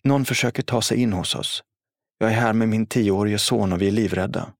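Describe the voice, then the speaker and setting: A man's voice: dry recording, studio quality, natural voice. A man voicing a terrified, pleading mother. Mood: frightened. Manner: pleading, raised pitch. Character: desperate terrified mother, woman, protective.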